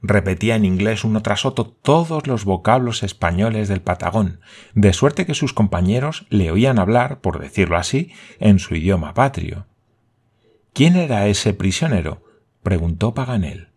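A man reading a novel aloud as a narrator, in a steady, measured way. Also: fairly low pitch, slightly rough. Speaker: audiobook narrator. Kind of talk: scripted narration.

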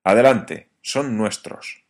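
A man's voice: fairly low pitch, takes it slowly, darkish tone. A man reading the part of a resolute male engineer who gives terse, commanding orders. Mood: urgent. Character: resolute male engineer leading armed colonists.

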